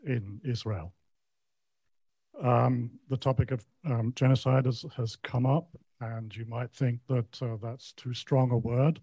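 A man's voice: medium pitch, fairly even intonation, mellow, slightly rough, dry recording. An older retired man giving a polite public comment, hesitant with many ums and uhs. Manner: polite, measured.

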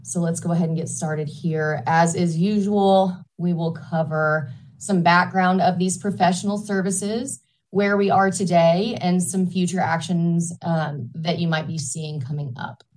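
A woman's voice: on the low side, steady tone, unhurried, a little mellow. A woman giving a friendly, formal prepared slide presentation as a staff presenter.

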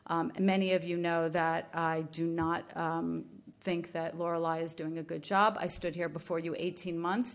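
A woman giving public comment at a county budget hearing, an elected official who is angry and struggling to stay composed. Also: fairly low pitch. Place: county commission chamber.

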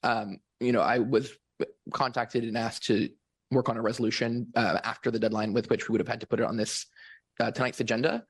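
Hesitant man with a husky voice. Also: mid-range voice, fairly even intonation, fairly quick. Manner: hesitant, many ums and restarts. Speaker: board member. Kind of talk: remarks at a public meeting.

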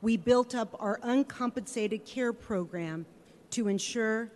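A woman giving a prepared formal speech as a guest executive, measured and delivered phrase by phrase. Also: a little high, a little mellow. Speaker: nonprofit chief executive, guest speaker. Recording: long hall reverb.

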